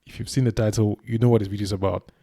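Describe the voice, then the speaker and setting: A man's voice: fairly low pitch, steady tone, very fast, mellow. A young man from Cameroon, hosting his YouTube channel with casual, self-deprecating reaction commentary. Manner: chatty, self-deprecating, talks to the viewer.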